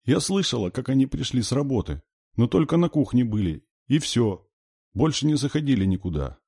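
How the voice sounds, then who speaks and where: A male reader voicing a frightened little girl who squeaks and sniffles. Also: very animated, fairly quick, mellow, husky, no echo, studio quality.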